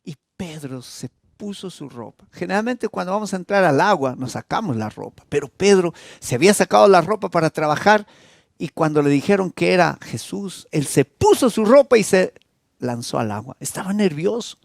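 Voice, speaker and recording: A man with a Peruvian accent preaching an evangelistic sermon as a pastor, telling the story with dramatic swings between loud and soft. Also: lively intonation, brisk, creaky, no echo, studio quality. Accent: Peruvian Spanish. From Peru. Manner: emotive, dramatic storytelling with wide swings in pitch and loudness.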